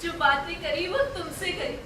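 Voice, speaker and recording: A very high, ringing young woman's voice, as an actress plays a defiant daughter refusing a marriage with stagey force. She sounds distant, heard from far back in a very echoey hall with music underneath. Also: steady tone, normal speed, background noise. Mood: earnest. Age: young adult. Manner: emphatic, stagey projection. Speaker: student stage actor. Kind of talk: stage play acting.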